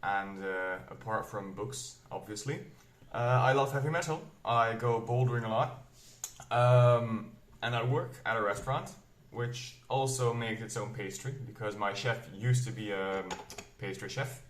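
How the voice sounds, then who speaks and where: This Belgian book vlogger in his twenties, a native speaker of Flemish Dutch, speaks at a medium pitch with a Flemish accent blending American and British English. He rambles unhurriedly through a casual bookshelf tour in a room at home, often correcting himself. The room sounds echoey.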